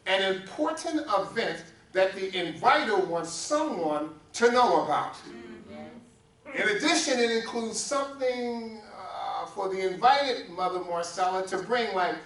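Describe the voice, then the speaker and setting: A man's voice: sits high, animated, unhurried, fairly bright tone. Preaching man in an echoey sanctuary. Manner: call-and-response preaching, addressing congregants by name. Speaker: pastor. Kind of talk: sermon. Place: church sanctuary. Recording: roomy echo, distant mic, faint hum.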